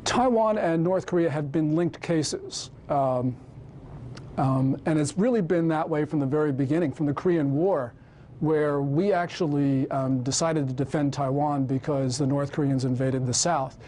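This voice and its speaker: Impassioned male lecturer, mellow voice. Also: a little high, moderate pace, a little hiss or hum. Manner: impassioned, emphatic. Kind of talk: public lecture with audience Q&A.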